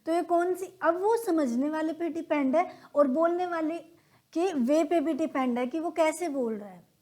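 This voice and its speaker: A woman's voice: extremely high pitch, a little slow, dark tone. A woman with an Indian accent teaching a classroom lesson on logical reasoning, patiently asking questions and then answering them herself. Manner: acts out everyday examples in quoted dialogue.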